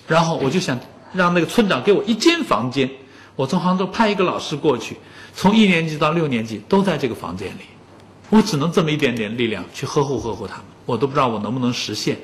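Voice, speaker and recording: A man's voice: mid-range voice, expressive, quick pace, slight background noise. A man in his fifties giving a public lecture on music, telling anecdotes and joking with the audience.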